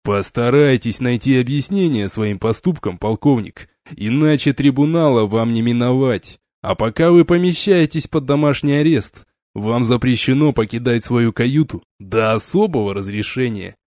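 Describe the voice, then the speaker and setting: A man voicing a stern, weary starship captain who gives slow, measured commands in an audiobook. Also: mid-range voice, a little mellow, dry recording, studio quality, lightly acted. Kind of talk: audiobook character reading.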